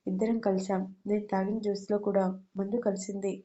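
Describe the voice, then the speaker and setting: A woman's voice: mid-range voice, level tone, brisk, warm tone, muffled recording, lightly acted. A woman reading the part of a heartbroken young woman who reproaches her lover in an emotional way. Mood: tearful.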